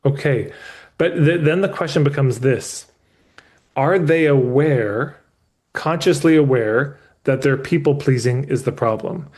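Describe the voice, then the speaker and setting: Male business coach, live session, mid-pitched, candid and emphatic, loose and sweary. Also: measured pace, a little mellow. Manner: restarts mid-thought as he explains.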